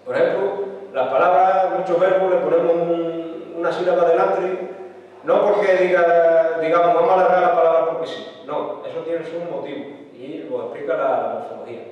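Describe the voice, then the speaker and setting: A man with an Extremaduran Spanish accent giving a lecture, his fairly high voice peppered with rhetorical questions. He is recorded from a distance in a hall with long, heavy reverb. The sound is somewhat dull and muffled. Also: fairly even intonation, moderate pace. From Extremadura, Spain. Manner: explanatory, frequent rhetorical tag questions. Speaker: lecturer on local dialect. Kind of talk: public talk. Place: hall with audience.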